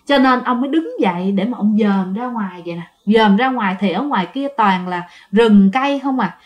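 A woman's voice: mid-range voice, expressive, fairly quick, dull audio. A woman narrating listener-sent ghost stories in a chatty way, speaking straight to her listeners. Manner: chatty, addresses listeners directly.

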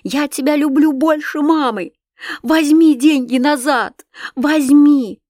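A woman voicing a frightened little girl who pleads with her father in shrill, drawn-out cries. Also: a little mellow, dry recording, clean studio sound, lightly acted. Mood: begging.

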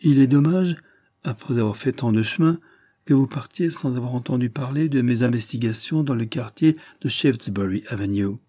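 A man voicing a blind gentleman detective who speaks softly, in a measured and quietly ironic way, in an audiobook reading. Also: mid-range voice, dry recording, clean studio sound, voice pushed up, lightly acted. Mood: smooth. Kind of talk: audiobook character voice.

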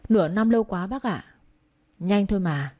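A woman's voice: mid-range voice, expressive, normal speed, mellow, lightly acted. A woman voicing an older mother who speaks bluntly and reproachfully. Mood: scolding. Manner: reproachful, plain-spoken.

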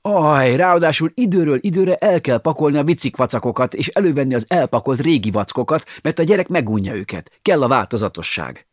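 A man's voice: a little high, expressive, few pauses, no echo, studio quality. A man narrating an audiobook in a wry, ironic storytelling manner, with sighing asides.

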